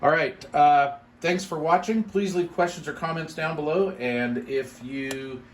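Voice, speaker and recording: At a measured pace, a man with a voice on the high side gives casual unboxing commentary as a reviewer. He reasons aloud, sounding mildly impressed at times, while clear background noise and room ambience fill the recording.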